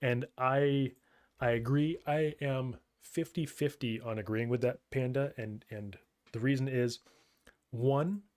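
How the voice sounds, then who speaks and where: A man co-hosts a casual podcast in a voice of ordinary middle pitch. He stammers and restarts his words as he works toward a point. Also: steady tone, measured pace, darkish tone. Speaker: podcast co-host and streamer.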